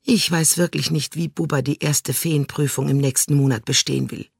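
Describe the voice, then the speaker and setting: A man's voice: fairly high pitch, fairly even intonation, moderate pace, vocal fry, husky, no room sound, studio quality. A man voicing a dreamy, disorganized young female fairy in a children's storybook, with a plaintive, airy manner. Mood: gushing.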